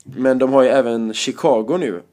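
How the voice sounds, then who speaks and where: A male stand-up comedian being interviewed, telling lively anecdotes in casual chat and often laughing. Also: medium pitch.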